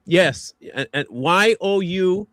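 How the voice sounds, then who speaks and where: High, lively man in dry close sound. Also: dry recording. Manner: animated, mocking, quick to laugh. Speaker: livestream co-host. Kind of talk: casual livestream banter.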